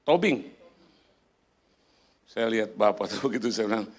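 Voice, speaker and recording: A middle-aged pastor with a fairly low, expressive voice tells a personal story at a moderate pace during a sermon in a church hall. He keeps it conversational and plays the parts of the people he describes.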